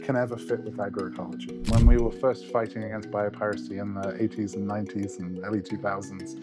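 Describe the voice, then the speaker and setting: A UK-raised man, a guest researcher, speaks in a thoughtful conversational interview and keeps restarting his sentences. His voice is fairly low and flat, and he talks fast over loud music.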